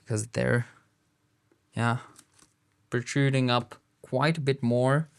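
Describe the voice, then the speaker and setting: Slow, halting man with a German accent. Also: mid-range voice, steady tone, vocal fry, clear, resonant tone. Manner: halting, thinking aloud as he handles gear. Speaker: product reviewer. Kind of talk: casual unboxing commentary.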